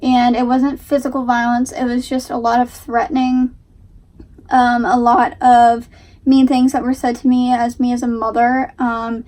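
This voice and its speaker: A young adult woman giving casual reaction commentary, explaining herself in a halting, repetitive, emphatic way. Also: fairly high pitch, level tone, a little mellow, far from the mic. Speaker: reaction video host.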